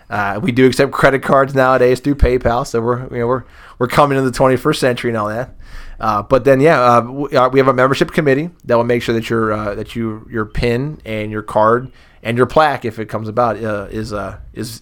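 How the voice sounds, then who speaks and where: A man, a former booster club president, chatting on a podcast and telling lively anecdotes. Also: mid-range voice, smooth. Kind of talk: casual podcast storytelling.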